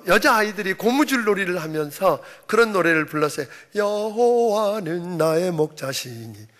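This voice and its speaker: A male pastor delivers a sermon in a measured, storytelling manner. His voice sits high, and a long church reverb trails each phrase. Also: sharp tone. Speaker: senior pastor. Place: church sanctuary.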